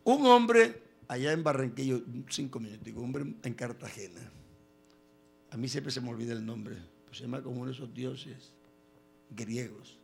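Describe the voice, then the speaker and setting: A man preaching a sermon, telling stories with quoted voices and sudden loud bursts. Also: mid-range voice, lively intonation, normal speed, vocal fry, slightly rough.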